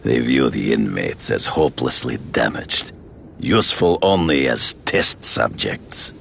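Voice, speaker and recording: An actor playing a proud, obsessive hunter villain in a video game, speaking in grandiose, formal, deliberate phrases with a gravelly voice. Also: male voice, animated, fairly bright tone, a little hiss or hum, full character voice. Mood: grave, resigned. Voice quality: deep, gravelly voice.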